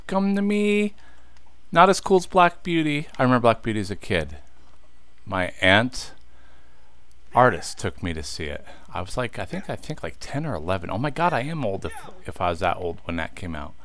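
With a fairly low, a bit bright voice that swings widely in pitch, a thirty-something man comments casually on his gameplay at a moderate pace. As a let's play host, he talks directly to viewers and gets frustrated easily.

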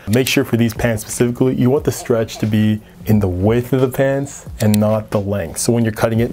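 A young man hosting a casual sewing tutorial, talking in a relaxed, chatty way full of fillers. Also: on the low side. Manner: relaxed, chatty, lots of fillers like "like" and "you know". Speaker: sewing channel host.

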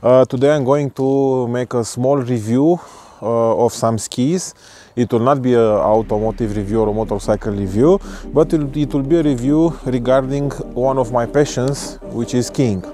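A man's voice: medium pitch, normal speed, warm tone, slight background noise. Hesitant man reviewing skis outdoors. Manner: hesitant, many fillers and restarts. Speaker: vlogger. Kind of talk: casual product review vlog. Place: outdoors at the foot of a ski slope. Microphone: camera on a tripod at medium distance.

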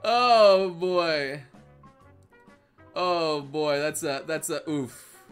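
A man's voice: fairly high pitch, drawn-out words, fairly bright tone, clean tone, soft background music. A man streaming live and reacting to memes for his chat, rambling, repeating himself and swearing often.

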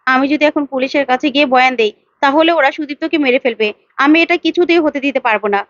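A woman's voice: high-pitched, quick pace, fairly bright tone, dry recording, lo-fi sound. A woman voicing a frightened young woman who defends herself angrily and tearfully. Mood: desperate. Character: angry frightened young woman hiding a secret.

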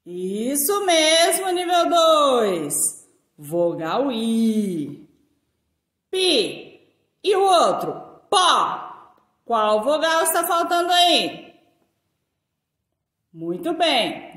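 A Brazilian woman teacher with a Brazilian Portuguese accent guides young children through a lesson, drawing out her syllables in a slow, sing-song way. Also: high-pitched, a bit bright. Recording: echoey room.

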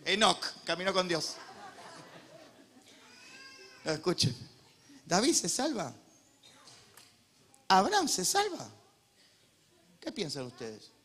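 A man with a Rioplatense Argentine accent preaching a sermon as pastor, joking, animated, and swinging from loud preaching to quiet asides. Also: high-pitched, normal speed. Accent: Rioplatense Spanish.

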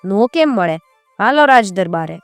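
A woman doing a shrewd loud village barber. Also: mid-range voice, lively intonation, moderate pace, dry recording, soft background music, natural voice. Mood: indignant. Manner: bargaining, shouting for justice.

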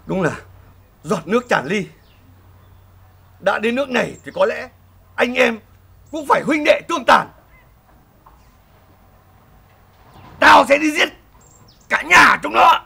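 An actor playing a hot-headed, blustering drunk village husband in a slapstick comedy film. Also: male voice, high voice, sing-song, normal speed, vocal fry, long pauses, exaggerated voice. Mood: furious. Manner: blustering, shouting threats. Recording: film scene with music underneath.

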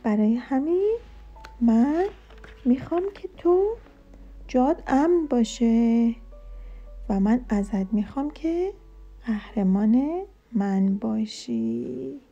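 Woman as gentle scientist mother, reassuring, storybook voice, mellow tone. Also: on the high side, lively intonation, long pauses, lo-fi sound, soft background music.

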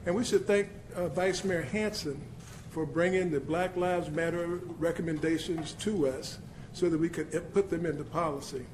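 Male official, measured formal speech, higher voice, faint room noise and crowd. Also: steady tone. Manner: measured, reads prepared remarks. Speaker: city council official. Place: city council chamber.

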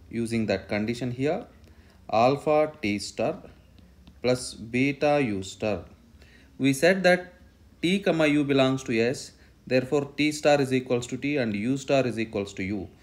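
A man lecturing on mathematics step by step, dictating and repeating phrases as he writes out the working. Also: medium pitch. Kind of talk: step-by-step lecture while writing out a proof.

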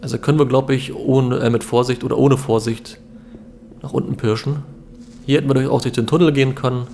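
Young man, let's player, medium pitch, casual musing gameplay commentary with faint background noise. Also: fairly even intonation, brisk, vocal fry, warm tone. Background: game ambience.

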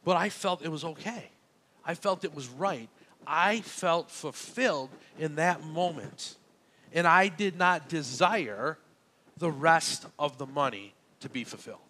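A man's voice: a little high, a little slow, sharp tone. A man preaching a sermon, telling a personal story in a conversational way and acting out the back-and-forth of the conversation. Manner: conversational storytelling, recounting dialogue. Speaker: pastor. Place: church.

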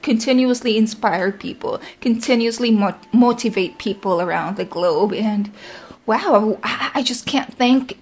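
A woman's voice: a little high, a little slow, a little mellow, slightly rough. Effusive, gushing woman vlogger. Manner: gushing, effusive, full of "like" and "you know". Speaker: music reaction vlogger. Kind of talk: casual reaction chat.

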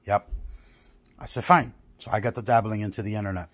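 A blunt car audio installer talks through speaker wiring in casual workshop chat. His voice sits a little low, and he swears freely as he tells the story. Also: steady tone, very fast.

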